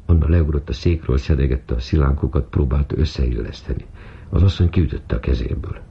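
Deep, gravelly man reading a novel aloud on old radio; measured, dull-sounding recording. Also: dark tone, slight background noise. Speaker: narrator.

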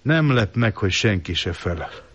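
A man narrates a first-person literary story in a calm, measured, reflective voice. His voice sits low. The recording has a dull, lo-fi sound.

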